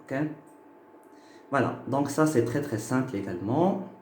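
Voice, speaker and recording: A man's voice: medium pitch, expressive, darkish tone, a little hiss or hum. A man teaching a phonetics lesson, explaining patiently and checking that listeners follow. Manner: slow, patient, checks in with "ok?" and "d'accord?". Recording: echoey room.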